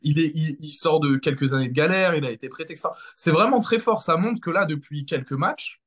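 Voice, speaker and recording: A man's voice: on the high side, brisk, fairly bright tone. A man, a sports journalist, co-hosting a casual football debrief, enthusiastic and emphatic, often repeating his key words.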